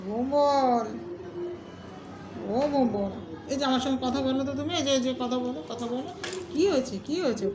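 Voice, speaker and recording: In an echoey room with clear background noise, a woman chats casually to her pet dog, coaxing and scolding it in a sing-song way. Her voice sits high and she talks a little fast.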